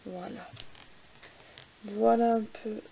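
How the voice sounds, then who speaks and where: A woman's voice: medium pitch, fairly even intonation, vocal fry, warm tone, dull audio, a little hiss or hum. A woman hosting a casual makeup swatch vlog, talking hesitantly with many filler sounds and repeated little asides, joking about her own pronunciation. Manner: hesitant, fills pauses with "euh" and repeated "voilà"; jokes self-mockingly about her English pronunciation. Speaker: beauty vlogger host.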